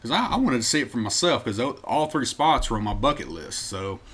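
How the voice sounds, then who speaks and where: A man's voice: mid-range voice, big pitch swings, fairly quick, a bit bright, slightly rough. A man co-hosting a podcast, laid-back and chatty, drifting off into side tangents. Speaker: podcast co-host. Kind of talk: casual chat.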